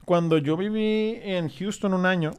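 A man's voice: sits high, unhurried, darkish tone, clean tone. A man from northern Mexico with a northern Mexican accent, hosting and producing a casual interview, joking and swearing freely. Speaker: podcast host and producer.

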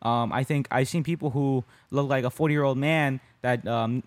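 A man's voice: mid-range voice, fairly even intonation, moderate pace, no room sound. A man co-hosting a casual podcast, talking about his sport and often checking in with his listeners as he goes. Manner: conversational, keeps checking in with "right?". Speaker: podcast co-host and jiu-jitsu competitor.

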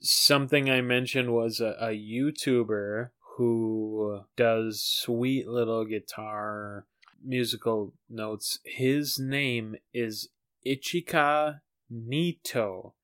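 A man's voice: mid-range voice, steady tone, slow, fairly bright tone, clear, resonant tone. A man co-hosting a podcast in casual chat, earnest and keen to set the record straight. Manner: earnest, keen to correct himself. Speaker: podcast co-host.

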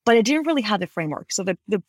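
Very animated and medium-pitched, this podcast guest, a thirtysomething woman from Ecuador, talks about her career at a fast clip, correcting herself often as she goes. The studio-quality recording has no room sound and comes from her Bay Area home office during a conversational interview.

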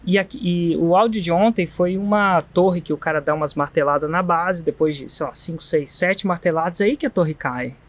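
Man, Brazilian accent, live host, casual talk, rambling, fairly high voice. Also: brisk, few pauses. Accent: Brazilian Portuguese. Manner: chatty, digressive, sincere. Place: guesthouse, quiet spot.

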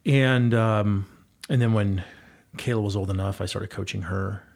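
Speaking at a measured pace, this middle-aged guest keeps a steady tone in his creaky, darkish, lowish voice. In casual conversation he earnestly rambles about coaching his kids as a volunteer girls' basketball coach, stumbling through fillers and restarts.

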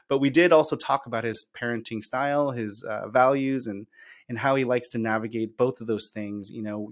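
A man hosting a parenting podcast, chatting eagerly with his guest in a casual interview. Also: fairly low pitch. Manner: enthusiastic, chatty with fillers. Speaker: podcast host.

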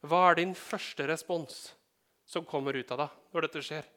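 A man's voice: a little high, steady tone, bright, forceful tone. A man from Norway preaching a sermon in a conversational way, checking in with the congregation and adding joking asides. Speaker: pastor.

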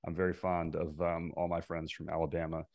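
A man hosting a podcast interview, chatty and animated, with many fillers as he sets up his questions. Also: low-pitched, fairly quick, dry recording, clean studio sound. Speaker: podcast host.

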